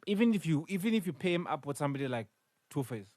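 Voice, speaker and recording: A man co-hosting a podcast in casual chat, excitable and quick to laugh, often restarting his sentences. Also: fairly high pitch, no room sound. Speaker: podcast co-host.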